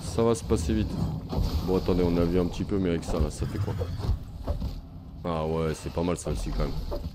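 A man's voice: sits low, brisk, background noise. A man giving casual let's-play commentary, chatting to viewers and taunting enemies as he plays. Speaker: gaming youtuber.

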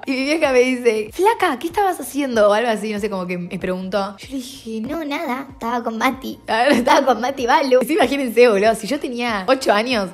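A young woman with a Rioplatense Argentine accent telling a storytime in an animated, slangy way, laughing often. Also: a little high. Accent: Rioplatense Spanish. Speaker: vlogger. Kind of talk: casual storytime.

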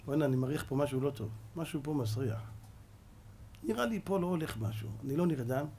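A man's voice: high voice, big pitch swings, slight background noise. A man doing a paranoid, hot-tempered ancient king. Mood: suspicious muttering. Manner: suspicious muttering, bursts into shouted demands.

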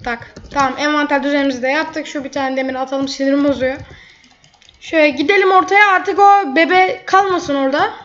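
A woman's voice: sits high, fairly even intonation, brisk, fairly bright tone. A woman gamer giving chatty running commentary over her gameplay, blurting out frustration at opponents. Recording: dull lo-fi mic.

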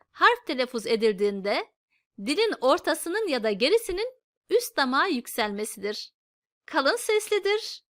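A woman teaching letter pronunciation in a patient, step-by-step lesson, calling out each sound slowly and loudly before explaining it. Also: high-pitched, no room sound, studio quality. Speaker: Quran alphabet teacher. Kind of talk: slow pronunciation lesson with drills.

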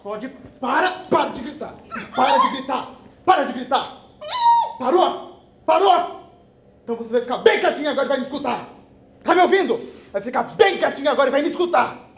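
An actor playing a desperate man begging his partner to keep quiet, with pleading, then forceful delivery. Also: extremely high pitch, expressive, racing, gravelly, heavily acted. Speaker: actor in a drama exercise. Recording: echoey room with light noise.

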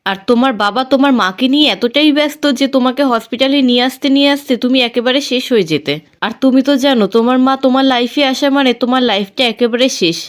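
A woman's voice: high voice, brisk, hardly any pauses, natural voice. Woman reading as Mishka, a scheming schemer. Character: scheming woman posing as her twin.

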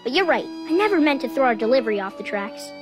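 A woman voicing an eager, easily distracted young boy steam engine in a cartoon, talking excitably. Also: high-pitched, fast talker. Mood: sorry. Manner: excitable, bouncy, shouts catchphrases. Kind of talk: cartoon voice acting. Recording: studio cartoon audio with loud music. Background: cartoon music.

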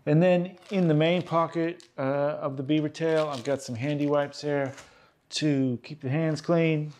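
A man in his fifties from Australia, hosting a casual gear vlog and chatting in a relaxed way with lots of "uh"s, recorded at a table in a small room. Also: a little high, measured pace. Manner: relaxed, chatty, many "uh" fillers. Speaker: host. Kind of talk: casual show-and-tell vlog.

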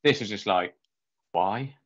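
A man's voice: on the low side, measured pace, a bit bright. A man co-hosting a podcast, talking in a rambling, chatty, amused way. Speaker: podcast co-host. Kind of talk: casual chat. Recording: dull lo-fi podcast audio.

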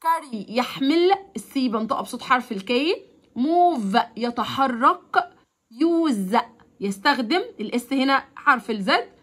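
A woman with an Egyptian Arabic accent teaching a vocabulary lesson to children. She stretches English words out slowly, repeats them for pupils to follow, then explains quickly. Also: high-pitched, animated, fairly bright tone. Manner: slow, drawn-out English words, fast chatty explanations.

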